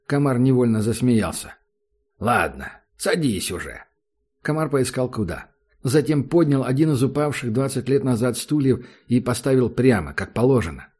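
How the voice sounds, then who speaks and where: Male audiobook narrator, measured and ominous, mellow dark timbre, even pace. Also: mid-range voice. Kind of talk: scripted narration.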